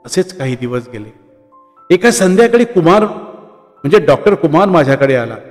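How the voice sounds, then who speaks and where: A man's voice: fairly high pitch, sing-song, normal speed. Man reading a story with reverb. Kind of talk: reading a short story aloud. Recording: long reverb with soft music.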